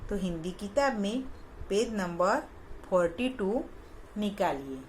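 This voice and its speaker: A woman teaching young children in a recorded lesson, patient and repeating each sound with clear stress. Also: medium pitch, lively intonation, slow, a little hiss or hum. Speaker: kindergarten teacher.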